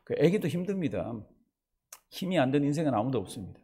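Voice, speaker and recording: Animated male pastor preaching a sermon. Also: mid-range voice, quick pace, husky. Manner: animated, asks the congregation questions and acts out voices. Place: church service.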